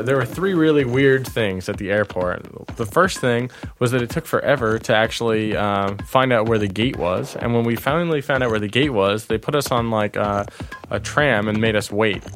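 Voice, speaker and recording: A man telling a travel story in casual conversation, rambling and restarting, laughing at his own tale. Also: medium pitch.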